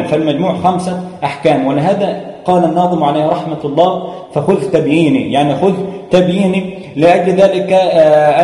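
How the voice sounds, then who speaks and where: A man's voice: fairly high pitch, mellow. A man teaching a lesson on Quran recitation, explaining step by step with frequent hesitations and chanting verses. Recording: echoey room with long reverb.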